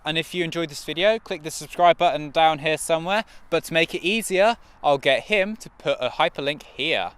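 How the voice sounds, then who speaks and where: A man's voice: fairly high pitch, fairly quick, hardly any pauses, fairly bright tone, smooth. A young man giving casual, opinionated reviews to camera as a vlog co-host.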